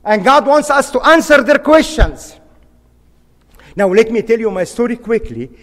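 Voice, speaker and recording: A man's voice: very high-pitched, lively intonation, normal speed, a bit bright, in a large hall. A middle-aged man from Egypt, preaching a sermon in an impassioned, emphatic way and repeating key phrases.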